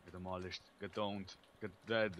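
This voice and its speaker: A man's voice: deep voice, flat delivery, moderate pace, fairly bright tone. A young man giving short, blunt replies while he plays a co-op game with a friend. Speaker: gamer. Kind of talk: casual co-op gameplay chat.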